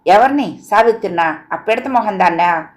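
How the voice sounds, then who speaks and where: A woman's voice: mid-range voice, moderate pace, lightly acted. A woman voicing a cheeky, sulky young village man who whines and talks back. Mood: defiant.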